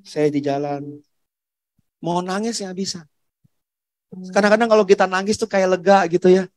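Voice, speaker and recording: A man with an Indonesian accent preaching a sermon as pastor, telling a personal story in a conversational way with soft asides. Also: high-pitched, fairly even intonation, normal speed, no room sound.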